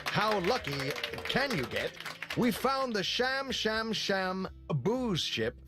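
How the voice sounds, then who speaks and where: A man's voice: high voice, big pitch swings, slow, loud music behind the voice, pitched above the performer's own voice, full character voice. A man putting on the voice of a giggling, slurring drunk man. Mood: drunk glee.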